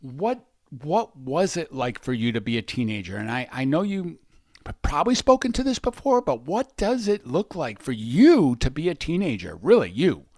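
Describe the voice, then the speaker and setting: A man hosting an interview, asking long, rambling questions with many pauses and fillers. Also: fairly high pitch, very animated, a little mellow, dry recording, studio quality. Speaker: podcast host. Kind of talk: podcast interview.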